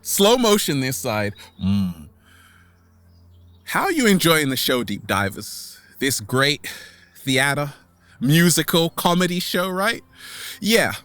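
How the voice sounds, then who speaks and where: There's no room sound around this man's fairly high, sing-song, fairly bright voice. He's a vlog host giving his online followers a theatrical, playful motivational monologue, complete with repeated catchphrases and drawn-out emphasis.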